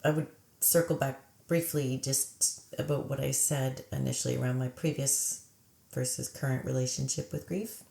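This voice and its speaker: A woman talking in a casual, reflective podcast conversation, measured and pausing often. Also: a bass voice, steady tone, vocal fry, warm tone, roomy sound. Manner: reflective, measured, with frequent pauses and fillers.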